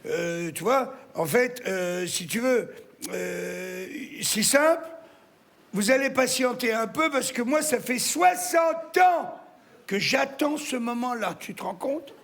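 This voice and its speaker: A man's voice: very high voice, animated, slow, creaky, a bit bright, exaggerated voice. A man doing a foul-mouthed woman in her sixties. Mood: brash welcoming. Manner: crude, swearing, teasing the audience. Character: brash vulgar woman in her sixties, opening act. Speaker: stand-up comedian. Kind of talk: live stand-up character act. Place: theatre stage before a live audience.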